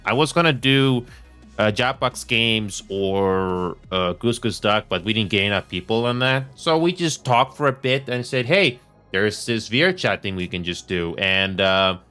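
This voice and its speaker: Bright-voiced, halting livestream host. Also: male voice, fairly low pitch, animated, clean tone, soft background music. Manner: halting, many fillers, greets viewers. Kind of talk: casual chat.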